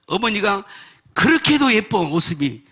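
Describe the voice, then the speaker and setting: A middle-aged man preaching a sermon, telling a testimony with strong emotion and rising to shouts. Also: sits high, big pitch swings, a little slow, breathy edge. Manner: emotional storytelling, swells to shouts. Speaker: pastor.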